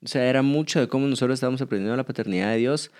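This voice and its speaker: A calm podcast co-host at a middle pitch, mostly answering with brief agreement before reflecting on a point at an unhurried pace. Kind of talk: casual reflective chat.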